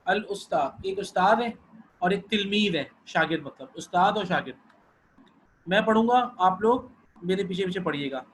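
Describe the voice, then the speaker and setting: A man's voice: sits high, lively intonation, a bit bright, slight background noise, low-quality recording. A man teaching an online Arabic class, patient, often repeating and checking that students follow.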